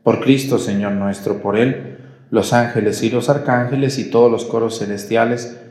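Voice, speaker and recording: A man leading Mass as a priest, reciting the liturgical prayers in a solemn, measured way, with the echo of a large church around his voice. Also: mid-range voice, fairly even intonation, darkish tone. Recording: echoey church sound from a room mic.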